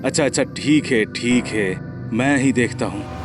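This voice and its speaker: A man voicing a calm, sensible young cartoon character who teases his scared friend. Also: medium pitch, a little slow, loud music behind the voice, close to an everyday voice. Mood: teasing. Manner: teasing, level-headed.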